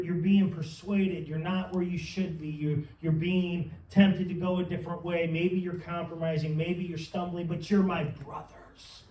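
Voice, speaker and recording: A man's voice: sits high, darkish tone, a little hiss or hum. A man preaching a sermon in church, fervent and building to emphatic peaks. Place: church sanctuary. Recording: roomy sound from some distance.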